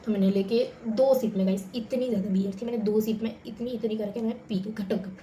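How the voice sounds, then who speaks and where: A young woman talks fast and chattily to her viewers, spinning stories in an animated, familiar way. Her voice sits mellow and dark in tone. An echoey room surrounds her, with a faint background hum. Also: medium pitch. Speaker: vlogger. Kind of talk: casual storytelling to camera.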